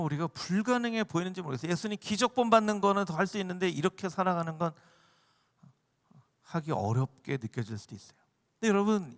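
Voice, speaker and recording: Casting: high-voiced male pastor, passionate preaching, long sanctuary reverb. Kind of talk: sermon. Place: church sanctuary.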